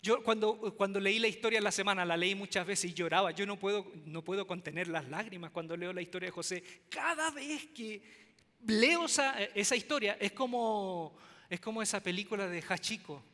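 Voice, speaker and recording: Bright-voiced Mexican preacher in a big hall. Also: male voice, high-pitched, moderate pace. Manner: animated, joking storyteller. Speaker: pastor. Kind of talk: sermon. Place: church auditorium.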